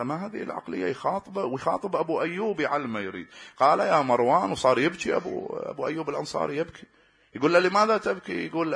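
A male preacher delivers a fervent sermon, his somewhat high, sharp and forceful voice rising into cries and repeating phrases rhythmically. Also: creaky, husky. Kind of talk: impassioned religious sermon with storytelling.

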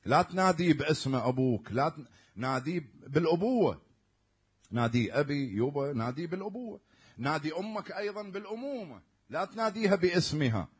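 A man's voice: fairly high pitch, expressive, a little fast, husky. A man preaching a sermon in an Iraqi Arabic accent, stressing words hard and then dropping almost to a murmur. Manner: emphatic, swinging from loud stresses to near-murmurs.

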